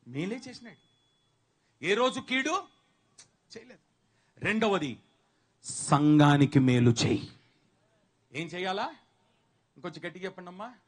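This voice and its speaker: A man preaching in church, calling on the congregation to answer back and acting out Bible stories in little voices. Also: sits high. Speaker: pastor. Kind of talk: sermon. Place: church hall.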